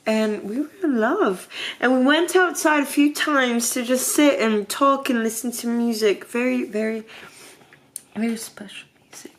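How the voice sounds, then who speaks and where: A woman's voice: on the high side, a little slow. A drunk young woman rambling through a birthday message to her boyfriend, slipping in a mock British "mate" as she goes. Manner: rambling storytelling with a put-on British twang and "mate". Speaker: girlfriend leaving a birthday message. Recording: roomy echo.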